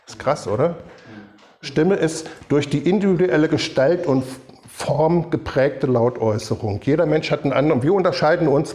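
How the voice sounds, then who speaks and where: Middle-aged male preacher, mellow and warm tone, emphatic conversational sermon delivery. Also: medium pitch. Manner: emphatic, conversational, asks the audience for agreement.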